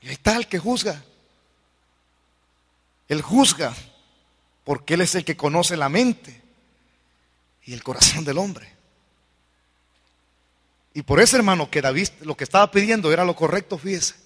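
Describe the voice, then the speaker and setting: Male pastor, folksy and emphatic, high voice, long church-hall reverb. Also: animated, normal speed, long pauses. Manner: emphatic, folksy preaching with sudden loud outbursts. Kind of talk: sermon.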